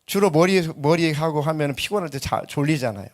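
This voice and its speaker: A man's voice: on the high side, fairly quick. A middle-aged man preaching a sermon as pastor, telling stories and acting out voices. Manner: lively storytelling, acts out voices in anecdotes.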